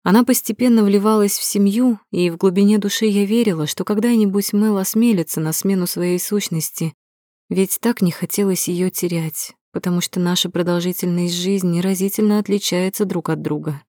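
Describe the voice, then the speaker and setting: A woman reading a first-person novel aloud in an even, measured storytelling manner, close to the mic. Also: medium pitch, no room sound. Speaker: audiobook narrator. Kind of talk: first-person audiobook narration.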